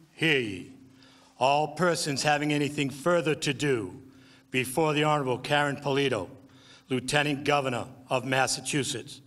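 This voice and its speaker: A court officer calls out a formal courtroom proclamation. His voice is loud and measured, set at a middling pitch for a man.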